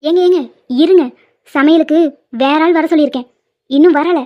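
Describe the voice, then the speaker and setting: A woman's voice: sits high, steady tone. A woman voicing a strict well-off mother who scolds her daughter in a cartoon. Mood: stern. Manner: scolding, brisk, stern. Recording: dull lo-fi sound.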